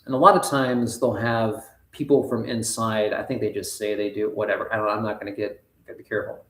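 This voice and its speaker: A man hosting a live spiritual talk, speaking in an earnest, halting, rambling way. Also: on the low side, reverberant. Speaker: spiritual livestream host.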